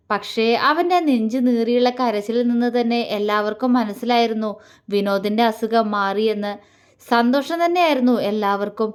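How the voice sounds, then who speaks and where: A woman storyteller reading a serialized love story aloud. Her narration is slow and feeling-filled, delivered in a fairly high voice. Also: clear, resonant tone.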